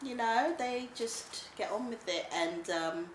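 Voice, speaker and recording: A woman's voice: fairly high pitch, takes it slowly. Emotional woman in an echoey room. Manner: warm, emotional, laughs easily. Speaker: interviewee, mother and grandmother. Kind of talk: casual documentary interview. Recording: echoey room with background noise.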